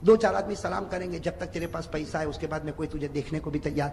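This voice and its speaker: A man preaching a storytelling sermon to a gathering, calling out to the crowd and swinging between shouted peaks and quiet asides. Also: fairly high pitch, little pitch movement. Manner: addresses the crowd directly and prompts them to repeat. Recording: long hall reverb with faint noise.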